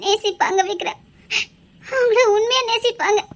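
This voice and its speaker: A woman doing a shrill, devoted young woman. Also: normal speed, a bit bright. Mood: tender. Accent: Tirunelveli Tamil. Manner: coaxing, soothing, insistent. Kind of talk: amateur dramatic dialogue.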